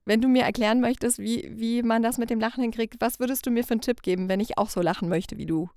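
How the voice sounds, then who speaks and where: A woman hosting an interview, asking questions in a lively, playful way and laughing along with her guest. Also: on the high side, quick pace, no echo, studio quality. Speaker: host, interviewer. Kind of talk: casual interview chat.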